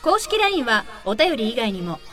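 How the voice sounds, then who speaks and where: A woman's voice: a little high, sing-song, normal speed, a bit bright, faint music behind. A woman reading the show's closing announcements in a polite manner.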